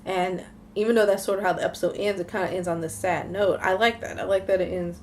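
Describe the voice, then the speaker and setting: A woman's voice: medium pitch, fairly even intonation, quick pace, a little hiss or hum. Chatty young woman reviewing an anime. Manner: chatty, rambling, many fillers and restarts. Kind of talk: casual spoken episode review.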